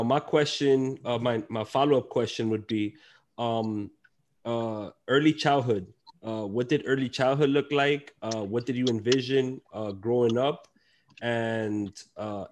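Halting man moderating a video call panel. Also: mid-range voice, a little mellow. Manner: loose, halting, many fillers and restarts. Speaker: host and moderator. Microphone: headset.

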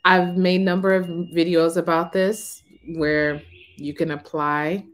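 A woman in her thirties talking frankly to camera in a casual, unhurried way from a small room. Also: fairly low pitch, level tone. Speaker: vlogger on renting. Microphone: camera in front of her.

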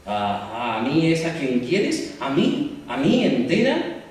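A man reciting a poem in the voice of an anguished mythic woman lamenting a cruel god, shifting hushed lines to loud cries. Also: mid-range voice, huge pitch swings, slow, pitched above the performer's own voice. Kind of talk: dramatic poetry recitation. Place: large university hall. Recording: echoey hall, distant mic, faint hiss.

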